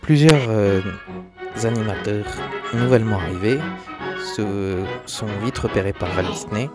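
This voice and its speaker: With a lowish voice and measured pace, the man narrates a scripted documentary for his animation history video channel, slipping slightly on the script here and there. The recording is dry and close, backed by music.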